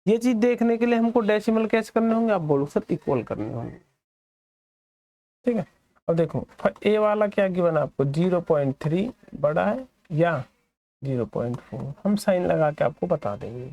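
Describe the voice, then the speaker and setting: A man's voice: lively intonation, normal speed. Indian man teaching maths, quizzing. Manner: asks questions and answers them for the students; drops lower and softer on the students' replies. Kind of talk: classroom maths lesson.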